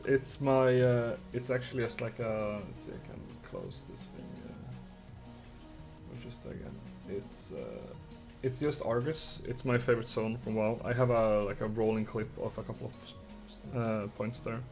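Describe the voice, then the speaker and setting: A man's voice: mid-range voice, animated, measured pace, over music. A young man from Sweden with a Swedish accent, chatting casually with viewers and muttering to himself while he codes a game on a live stream.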